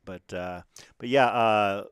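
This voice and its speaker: A man's voice: on the low side, slow, clean tone, no room sound, clean studio sound. A man doing casual live commentary on a race stream, chatty and rambling, with lots of fillers and restarts.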